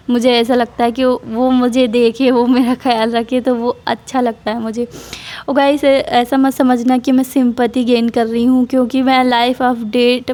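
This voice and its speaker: A young woman with a slightly high voice talks into her phone camera while lying down at home. She rambles in a casual vlog, full of fillers and restarts. Her pitch stays flat, and she sounds tired from pregnancy. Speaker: vlogger.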